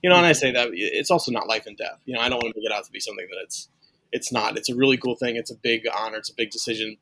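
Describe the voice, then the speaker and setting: A man's voice: medium pitch, rapid-fire, bright, forceful tone, dry recording. A man from St. Louis, a sportswriter guest on a casual podcast, talking earnestly and restarting his sentences as he thinks aloud. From St. Louis, USA.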